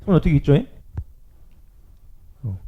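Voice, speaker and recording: A male math teacher giving a lively classroom lecture, often checking in with his students. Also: fairly high pitch, a little slow, husky, lo-fi sound.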